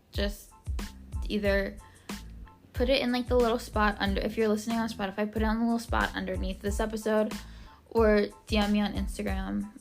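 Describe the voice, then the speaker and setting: A young woman hosts a casual solo podcast. She rambles, fills her sentences with "like" and swears casually. Her voice sits at an ordinary pitch, and faint music plays behind her. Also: creaky. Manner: rambling, chatty, heavy use of "like" and casual swearing. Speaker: podcast host.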